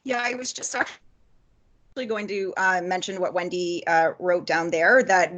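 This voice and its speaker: A woman's voice: lowish voice, fairly even intonation, a bit bright. Woman on a choppy, cutting-out video call. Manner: hesitant, halting, frequent fillers. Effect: choppy audio cutting out on a bad connection. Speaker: school board staff member. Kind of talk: online meeting discussion.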